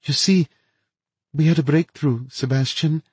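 A man voicing a feverish, unhinged woman scientist who gloats in a high, breathy, lilting voice. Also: steady tone, measured pace, darkish tone, no echo. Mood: gloating.

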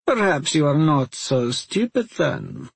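A man's voice: on the high side, wildly swooping pitch, slow, creaky, slightly rough, no echo, pitched above the performer's own voice, full character voice. A man putting on a stern, scornful witch. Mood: imperious. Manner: imperious, cold, impatient.

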